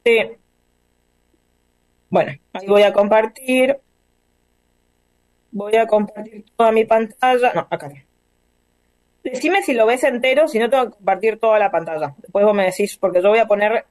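A woman's voice: mid-range voice, moderate pace, pauses often, darkish tone, dry recording. A woman with a Rioplatense accent, guest artist on a casual video call, talking in a rambling way and searching for words. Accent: Rioplatense Spanish.

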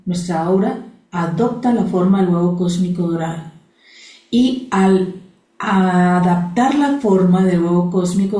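Warm-voiced woman guiding a meditation. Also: lowish voice, echoey room, poor audio. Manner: slow, repetitive, soothing phrasing. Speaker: spiritual teacher. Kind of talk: guided meditation teaching.

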